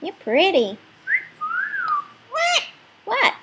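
A woman's voice: very high voice, huge pitch swings, very slow, a bit bright, slight background noise. A woman in playful, affectionate pet talk, cooing short questions and phrases over and over. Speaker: pet owner talking to her parrot.

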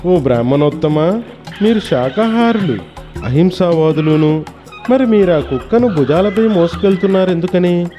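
A man's voice: high-pitched, lively intonation, moderate pace, mellow, soft background music, voice pushed up. A man voicing a sly male thief who mocks a priest with sneering, mock-polite talk.

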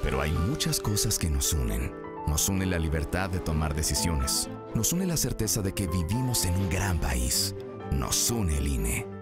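A man voices a scripted advertisement in a deep, low register, and his delivery rises and falls in lively swings. He speaks in a rhythmic, emphatic way and builds through each item. Loud music plays behind him. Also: normal speed. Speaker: ad announcer. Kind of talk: scripted ad voice-over.

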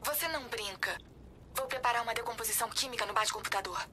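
A woman's voice: a little high, quick pace, sharp tone, slight background noise. An actress playing a capable female tech ally to a vigilante in a dubbed video game. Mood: focused.

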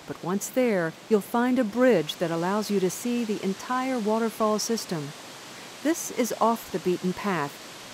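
A woman giving calm, measured scripted narration for an outdoors documentary. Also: mid-range voice, a little hiss or hum, rough recording.

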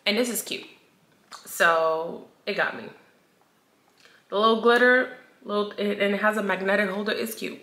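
A woman's voice: medium pitch, steady tone, moderate pace, sharp tone. Chatty woman in an echoey room. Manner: chatty, playful, addresses viewers as y'all. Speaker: beauty vlogger. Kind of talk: casual haul chat.

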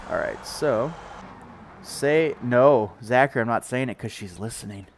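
A man's voice: mid-range voice, measured pace, a little hiss or hum, rough recording. A man hosting a live game stream, talking casually with a stuffed-up morning voice and rambling with fillers and restarts. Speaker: streamer playing a farming game with friends.

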